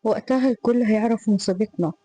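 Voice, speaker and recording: A woman's voice: fairly high pitch, fast talker, dark tone, lightly acted, rough recording. A woman reading a scornful male tutor with an Egyptian accent. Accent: Egyptian Arabic. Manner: harsh, contemptuous, threatening.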